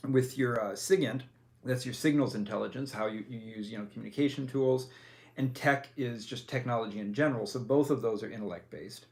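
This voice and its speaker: Speaking fairly quickly in a mid-range, slightly mellow voice, a game master helps a player make a tabletop character. His step-by-step rules explanation is patient but peppered with fillers and self-corrections.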